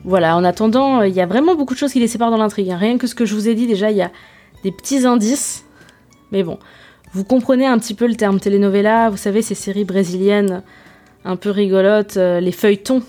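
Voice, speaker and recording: A woman with a mellow, relaxed voice hosts a chatty podcast over background music. Her delivery is informal and slangy, with hesitations as she looks for words. She drops in self-deprecating asides as she goes. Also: medium pitch, fast. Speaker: podcast host. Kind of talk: casual, chatty solo podcast review.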